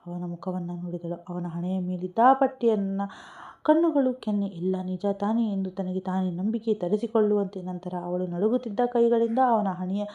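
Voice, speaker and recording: A woman storyteller reading an emotional story in a soft, unhurried way. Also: medium pitch, lo-fi sound.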